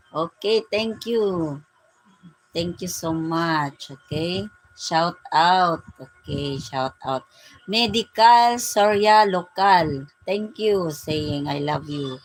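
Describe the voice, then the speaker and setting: A woman's voice: on the low side, low-quality recording. A Filipino woman in her forties hosting a casual live-stream vlog, greeting her viewers with a repeated "my dear, my friend". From Philippines. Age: 40s.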